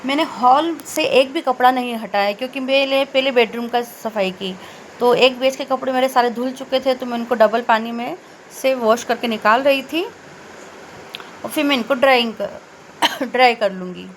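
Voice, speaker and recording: A woman in her forties chats her way through a home cleaning day in a loose, rambling voice-over. Her voice sits a little high, and she stops to fix her own words. Faint room ambience hums behind her. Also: slight background noise, rough recording. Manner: chatty and rambling, with self-corrections and filler pauses. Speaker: home vlogger.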